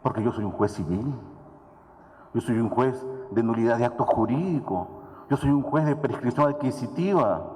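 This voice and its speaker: A man of middle pitch speaks as a judge addressing an audience. His phrasing is dramatic and repetitive, with slow, weighty pauses. A long hall reverb trails every phrase. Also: background noise. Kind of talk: public speech telling a personal story. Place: large event hall.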